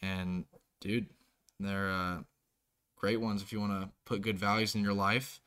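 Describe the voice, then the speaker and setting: A young man, a college football player, hosting a casual interview and telling stories in a relaxed way. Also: on the low side, unhurried, clear, resonant tone. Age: young adult. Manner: relaxed storytelling, animated when quoting others.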